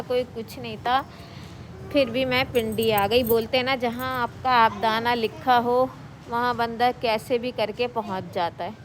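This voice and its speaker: A woman's voice: a little high, slight background noise. A middle-aged woman from Pakistan telling her own story in a chatty, rambling way for her vlog. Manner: chatty, rambling, repeats herself. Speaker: vlogger. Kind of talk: casual personal vlog storytelling.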